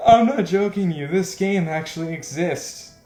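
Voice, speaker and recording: A game streamer hosts casual let's play commentary in a high, slightly mellow voice, sounding self-deprecating and exasperated and often breaking into laughter. The room is echoey, with faint music in the background.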